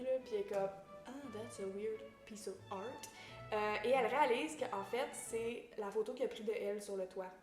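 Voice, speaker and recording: A book YouTuber with a Québécois French accent and a slightly high voice gives a casual, animated recap of a book, sprinkling English slang into her French and acting out the characters. The sound is roomy.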